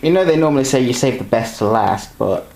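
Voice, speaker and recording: Man, casual unboxing chat, gravelly voice, rambling, self-correcting. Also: mid-range voice, animated, a little fast, a little mellow, slight background noise. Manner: rambling, self-correcting, talks while handling items. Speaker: model train reviewer.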